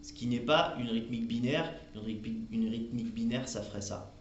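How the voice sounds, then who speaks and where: A man's voice: mid-range voice, highs cut off. Man teaching guitar in a roomy space. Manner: patient, explains slowly, chatty fillers. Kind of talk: step-by-step guitar lesson. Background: his own acoustic guitar playing.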